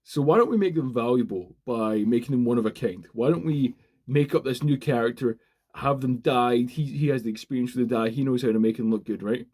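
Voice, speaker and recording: A man, chatting casually and excitedly while unboxing and reviewing a toy, swearing freely as he rambles. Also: medium pitch, a little fast. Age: 20s. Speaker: toy reviewer, channel host.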